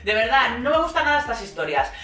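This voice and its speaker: A woman with a Spain Spanish accent recaps a reality show in slangy, exasperated commentary. Her voice is bright and a touch high. She sounds set back from the mic in an echoey room, with faint music underneath. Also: sing-song, fast talker, recorded from a distance.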